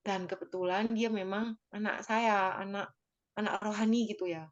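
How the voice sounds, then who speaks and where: A woman's voice: mid-range voice, steady tone, moderate pace, lo-fi sound. Woman sharing a heartfelt personal testimony. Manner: conversational and emotional, frequent fillers and tag phrases; addresses listeners directly. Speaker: church small-group member giving a testimony.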